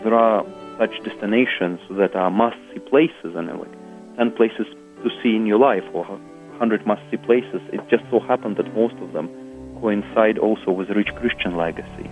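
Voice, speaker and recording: Hesitant low-voiced middle-aged man, tinny line. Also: over music. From Latvia. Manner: measured, with frequent hesitations. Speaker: guest priest and pilgrimage tour founder. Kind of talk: radio interview answers. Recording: narrow phone-like radio sound.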